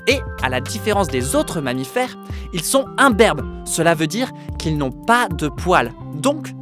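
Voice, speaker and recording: Deep and sing-song, a little slow, this woman's voice leads a lively kids' educational video. She's playful and full of exclamations, cracking jokes to the animals, with music running under her voice.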